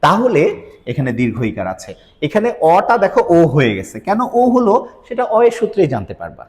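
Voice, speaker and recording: This Bangla grammar teacher's recorded video lesson covers pronunciation rules, which he explains step by step while quizzing his students. He talks fairly quickly in a fairly high voice whose pitch swoops wildly, and the audio carries a long reverb tail.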